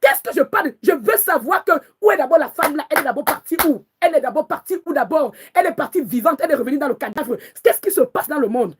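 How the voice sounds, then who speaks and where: A woman's voice: sits high, lively intonation, quick pace, hardly any pauses. A woman prophetess preaching with passion and anger, crying out to God in prayer and repeating her words again and again. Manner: angry, repetitive, calls out to God.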